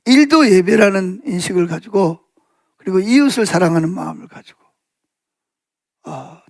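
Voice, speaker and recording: A male pastor giving a Sunday afternoon sermon in a conversational storytelling way, full of fillers and asides, raising his pitch to act out quoted speech. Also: creaky, dry recording, studio quality. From South Korea.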